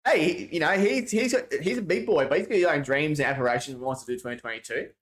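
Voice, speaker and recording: Slightly high-voiced and quick, an Australian livestream host chats casually while reading viewer messages aloud, his delivery rambling, slangy and full of restarts.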